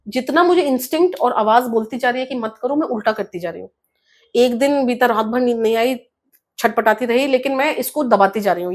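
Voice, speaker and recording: Earnest woman with a higher voice. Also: a little mellow. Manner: earnest, mixes English words into her speech. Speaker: guest author. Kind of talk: personal story in an interview.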